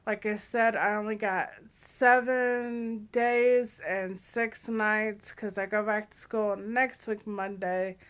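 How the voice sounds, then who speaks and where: A woman speaks in a casual, apologetic vlog style. Her delivery is slow and unhurried, at a medium pitch. Heavy, audible breathing runs through her talk. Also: fairly even intonation, clean tone. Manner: apologetic, informal. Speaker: gaming video creator.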